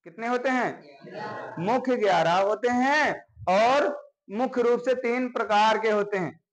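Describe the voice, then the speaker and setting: Teacher, male, high-pitched, walks students through basics, constantly checks they're following. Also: measured pace, poor audio. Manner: explains step by step, often checking with "है ना?". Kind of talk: classroom grammar lesson.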